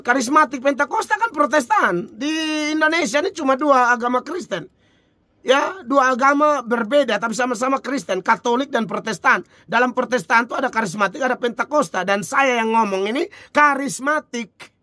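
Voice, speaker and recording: Man, preacher, informal sermon, high bright voice, dry close sound, rhetorical and chuckling. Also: moderate pace, no echo. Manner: rhetorical questions, chuckling, lively.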